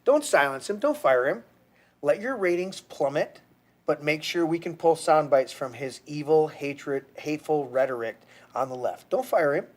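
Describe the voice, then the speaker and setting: Middle-aged male podcast host, heated and crude, slightly high voice, casual rant. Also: animated, moderate pace. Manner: heated, crude, restarts often.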